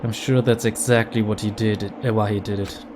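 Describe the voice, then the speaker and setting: A man's voice: fairly low pitch, little pitch movement, normal speed, noisy background, natural voice. A man voicing a downcast, sincere teenage schoolboy who narrates a video game story. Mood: mournful. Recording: game music behind.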